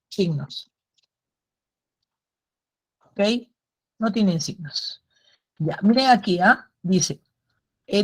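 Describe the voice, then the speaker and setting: A woman teacher leads an online grammar class in a mid-range voice. She is patient and methodical, repeating key points and ending them with short checking questions. The sound is that of a class call. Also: mid-range voice.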